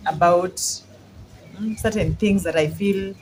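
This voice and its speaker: A woman's voice: lowish voice, slow, darkish tone, slight background noise. A woman with a Kenyan accent hosting a casual video chat, feeling her way through her phrases. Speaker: channel host.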